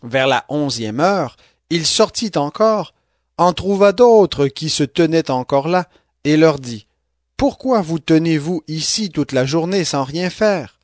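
A man reading scripture aloud in a calm, even way. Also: on the high side, measured pace, no echo, clean studio sound. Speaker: Bible reader.

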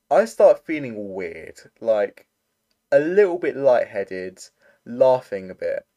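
A man's voice: medium pitch, darkish tone. Young guy telling a story. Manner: rambling, filler-heavy anecdote telling. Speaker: storyteller in a chat. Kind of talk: casual chat over a voice call. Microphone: computer mic on a voice call.

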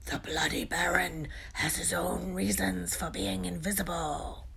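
Schoolboy bluffing as ghostly baron woman performer: hoarse croaked whisper, commanding, storybook. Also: sits low, a little slow, a bit bright, heavily acted. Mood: hushed, commanding.

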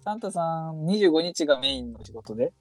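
A podcast co-host in casual chat, answering with quick, teasing comebacks. The delivery is fast and lively, with a pitch that jumps around a lot. Faint music plays underneath. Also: no room sound. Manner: quick teasing retorts, playful tsukkomi.

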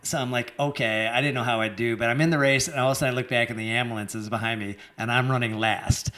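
An older man, a former marathon runner, telling stories in a relaxed interview, laughing often and acting out the people he quotes. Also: medium pitch, quick pace. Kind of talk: casual storytelling interview.

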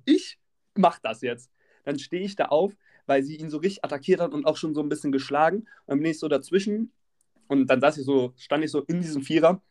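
A young man telling a wild anecdote, acting out the other people's shouted lines in raised voices. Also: fairly high pitch. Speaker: storyteller. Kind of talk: animated anecdote storytelling.

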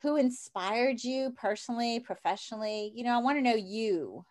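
A woman's voice: fairly high pitch, moderate pace, darkish tone. A woman in her fifties hosting an interview show, chatty and upbeat, laughing often. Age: 50s. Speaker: podcast host. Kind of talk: interview chat.

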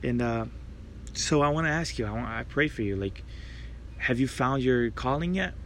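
This young preacher from Brazil hosts his own faith podcast, telling his personal testimony with earnest gratitude and reflection. His mid-range voice is animated and moves at normal speed, with a bit of hiss or hum underneath.

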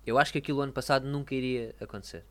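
Portuguese guy, european accent, medium pitch, slangy jokey chat about racing. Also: fairly even intonation, rapid-fire, a bit bright. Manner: joking, slangy. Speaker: motorsport talk show panelist.

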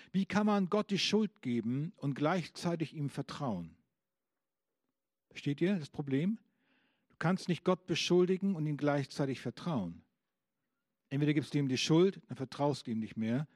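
A man's voice: a little high, darkish tone, dry recording, studio quality. A man preaching a sermon, asking the congregation questions and reading out scripture with emphasis.

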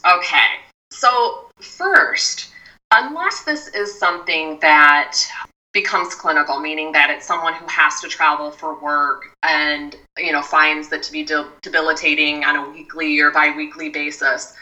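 Her voice is low, with a sharp, bright tone, and she seems somewhat far from the microphone. As a mindfulness expert being interviewed, she lays out her explanations in measured steps, often restarting sentences.

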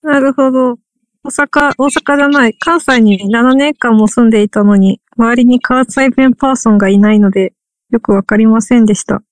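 Her voice sits on the high side and moves at a moderate pace, with no room sound in the recording. She's an English literature teacher from Ehime, Japan, casually chatting, wry, and drifting off mid-thought as she looks for the right word.

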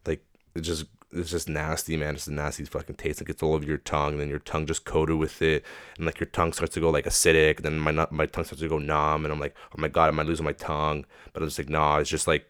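A man's voice: a bass voice, monotone, fast, a bit bright, clear, resonant tone, no room sound. A man hosting a podcast, talking in a loose, rambling monologue full of swearing and filler words. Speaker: podcast host.

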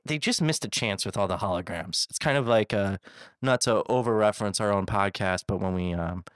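A man's voice: fairly low pitch, a little fast, a bit bright, clean tone, no room sound, clean studio sound. A man co-hosting a casual podcast chat, rambling with fillers and laughing easily. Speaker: podcast co-host.

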